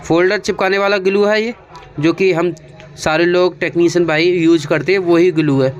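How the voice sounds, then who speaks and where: This repair tutorial is narrated by an Indian-accented man whose high-sitting voice holds a steady tone at a moderate pace. As a technician, he explains each step conversationally and keeps repeating instructions, with the highs cut off and a clearly noisy background.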